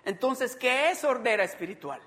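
A woman pastor preaching a Sunday sermon, building to fervent near-shouts. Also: fairly high pitch, expressive, moderate pace. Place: church sanctuary. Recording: hall reverb.

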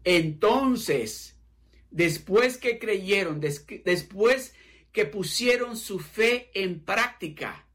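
A man's voice: sits high, animated, drawn-out words, a bit bright. A man preaching a midweek sermon, fervent and repetitive, speaking directly to his listeners. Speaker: pastor.

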